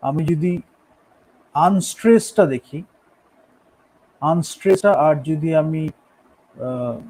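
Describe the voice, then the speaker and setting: A man's voice: on the high side, animated, slow pace, dark tone, rough recording. A man teaching a lesson, explaining each step in turn and often checking that his listeners follow. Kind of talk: classroom lecture on poetic meter.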